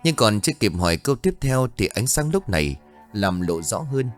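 A man's voice: on the low side, sing-song, moderate pace. A man narrating a ghost story in a dramatic, suspenseful way. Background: faint music.

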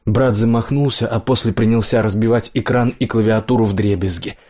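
A man narrating an audiobook in an even, measured reading voice. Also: lowish voice.

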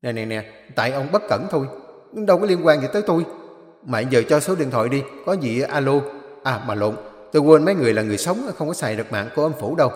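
A man's voice: mid-range voice, expressive, fast talker, reverberant, in a large hall, lightly acted. A man voicing a brash, boastful young male spirit from the underworld in a ghost story. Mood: cocky.

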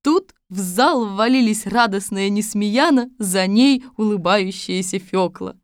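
A woman narrating a fairy-tale audiobook in a lively, expressive way. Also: medium pitch, measured pace, smooth, dry recording, studio quality. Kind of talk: scripted storybook narration.

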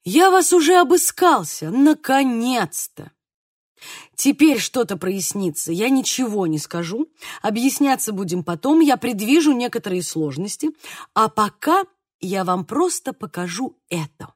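A woman voicing an excitable, solemn man who reads a will aloud and takes offence easily. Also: medium pitch, moderate pace, husky, no echo, clean studio sound. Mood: guarded. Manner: solemn reading, bursts of indignant shouting.

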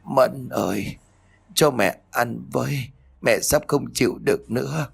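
A starving old woman, put on by a male storyteller, pleads in a weak voice. The reading sits low with wide swings of pitch. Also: animated, fairly quick, slightly rough, full character voice. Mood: pleading. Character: starving old mother, later her vengeful ghost.

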